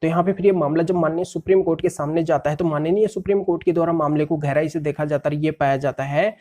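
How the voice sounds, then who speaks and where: Mellow-voiced male lawyer explaining. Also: a little high, fairly even intonation, fast. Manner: explains step by step, rephrasing terms in plain words. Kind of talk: legal explainer video.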